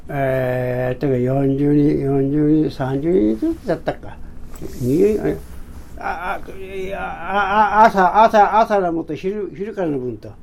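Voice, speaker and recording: A very old man with a Hiroshima accent recounts memories in a dark, relaxed voice. He speaks haltingly, restarting and repeating words as he searches for the next piece of his recollection. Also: a little high, creaky. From Hiroshima, Japan. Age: over 80. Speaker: interviewee, war-era survivor. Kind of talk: oral history recollection.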